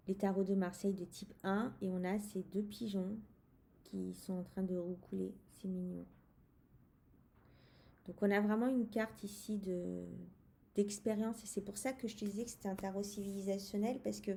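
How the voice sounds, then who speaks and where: A woman's voice: medium pitch, vocal fry, dark tone. A woman presenting a tarot deck in a casual chat to the viewer, hesitant, with many fillers and restarts. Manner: speaks directly to the viewer. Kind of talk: casual spoken deck review.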